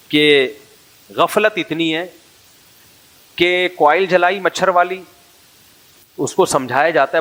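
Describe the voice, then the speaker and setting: A man's voice: fairly high pitch, a bit bright. A man from Pakistan, giving a casual sermon full of jokes, stories and asides to the audience. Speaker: Islamic preacher.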